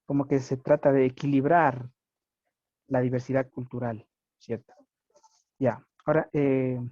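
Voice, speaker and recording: A man's voice: medium pitch, mellow, no room sound. A man giving a classroom lecture, often checking with his students by asking "right?". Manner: checks understanding with frequent tag questions. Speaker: teacher. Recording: muffled lo-fi recording.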